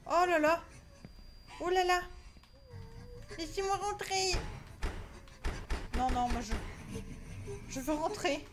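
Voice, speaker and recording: A woman streams a horror game in a bright, high voice. She talks in jumpy, anxious bursts, swearing and exclaiming as she goes, pleading for it all to stop. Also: lively intonation, slow pace, pauses often, over music. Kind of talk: live gaming commentary.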